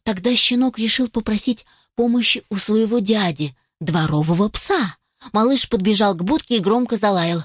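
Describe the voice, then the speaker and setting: A woman gently and expressively reading a children's story aloud. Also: mid-range voice, expressive, normal speed, husky, no room sound, studio quality.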